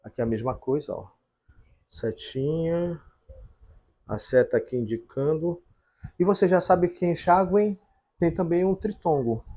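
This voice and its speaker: A man's voice: a little high, measured pace, long pauses, mellow. A man teaching a grammar lesson at a whiteboard, explaining step by step and checking in with the viewers.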